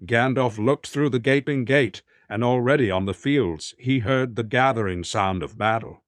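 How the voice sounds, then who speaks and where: A man narrating an audiobook in a steady, even storytelling manner. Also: medium pitch, normal speed, no echo, clean studio sound. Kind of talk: scripted narration.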